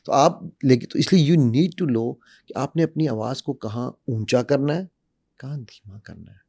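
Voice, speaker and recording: Mellow-voiced man coaching on speaking. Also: medium pitch, measured pace, dry recording. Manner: demonstrative, uses repetition and acted examples. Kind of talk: animated explanatory talk.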